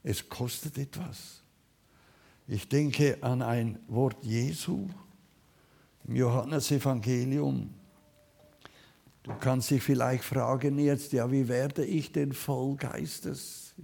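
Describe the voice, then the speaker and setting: A man preaching a sermon, fervent, swinging between loud calls and quiet asides. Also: medium pitch, steady tone, takes it slowly, vocal fry, pauses often, husky.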